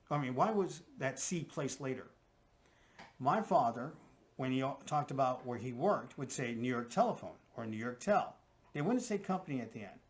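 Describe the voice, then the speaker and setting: Man explaining step by step. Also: mid-range voice. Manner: explains step by step, often checks in with "right?" and "okay?". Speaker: guest profiler. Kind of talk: casual conversational explanation.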